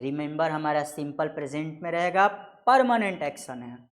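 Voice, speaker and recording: A man giving a grammar lesson, explaining slowly, repeating key words and reading out example sentences word by word. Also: on the high side, animated. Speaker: grammar teacher. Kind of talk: classroom lecture.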